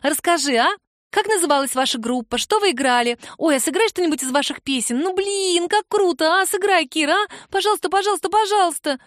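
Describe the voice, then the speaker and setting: A woman reader voicing an excitable, nosy young girl who begs and squeals with enthusiasm. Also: very high voice, brisk, dry recording, studio quality, pitched above the performer's own voice. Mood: eager, pleading. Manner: breathless pleading, squealing enthusiasm.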